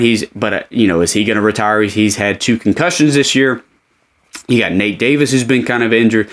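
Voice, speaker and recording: A man with a mid-pitched voice hosts a solo sports podcast. He talks in an emphatic, opinionated way, like a committed fan laying out his views. The delivery is conversational and unscripted.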